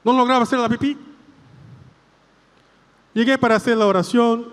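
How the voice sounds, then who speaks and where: A man preaching a sermon as a priest, in slow, deliberate phrasing broken into short pieces. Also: very high-pitched, steady tone, big-room sound.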